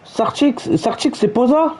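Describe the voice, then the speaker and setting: High-voiced man in slangy mock commentary. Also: a little slow, darkish tone, husky, low-quality recording. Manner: slangy, teasing, mock-outraged. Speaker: streamer. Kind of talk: livestream gaming with mock match commentary.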